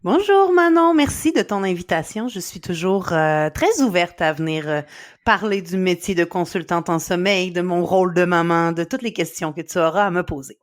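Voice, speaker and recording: A middle-aged Québécois woman from Quebec, Canada, a sleep consultant and company founder, speaks earnestly in a podcast interview. Her voice is on the low side with lively intonation and a moderate pace, and she uses many fillers.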